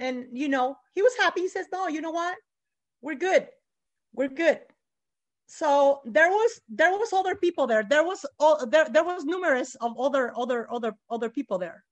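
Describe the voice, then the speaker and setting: High-voiced, emotional, insistent mother. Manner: insistent, repeats herself, restarts often. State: emotional, near tears. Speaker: bereaved mother, guest. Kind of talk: emotional interview testimony.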